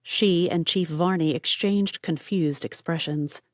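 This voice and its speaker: A woman's voice: on the low side, a little slow, no echo, clean studio sound. A woman narrating an audiobook, voicing each character and dropping to a whisper for tense lines.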